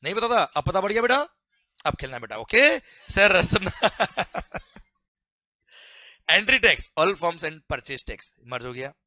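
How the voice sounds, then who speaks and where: Lively Indian tax lecturer, bright dry voice. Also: male voice, high-pitched, slow, no room sound. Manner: animated, jokey, mixing English terms; keeps asking "is it clear?". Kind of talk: classroom lecture.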